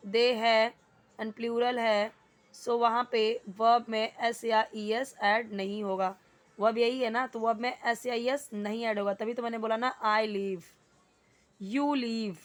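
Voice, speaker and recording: Lady teacher explaining english grammar, kinda high voice, goes over words again and again, faint music behind. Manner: explains patiently, repeats words, reads English sentences slowly. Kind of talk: spoken English lesson explained in Hindi.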